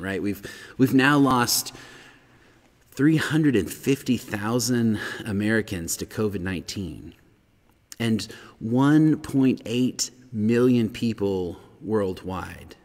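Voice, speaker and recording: A middle-aged man preaching a sermon as pastor, earnest and growing animated as he reads, in a large empty church sanctuary. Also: on the low side, long reverb tail.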